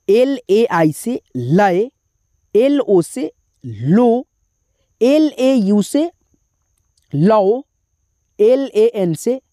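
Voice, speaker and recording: Woman, spelling teacher, slow and patient, letter-by-letter drills, dark mellow voice, dry close sound. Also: mid-range voice, dry recording. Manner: drills syllables letter by letter, adds brief explanations.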